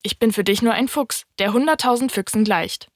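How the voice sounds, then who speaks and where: Woman reading a calm, thoughtful storybook fox, fairly high voice, dry close mic. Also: fairly quick, no echo. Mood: wistful. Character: fox, a wise, wistful wild fox. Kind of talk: audiobook reading.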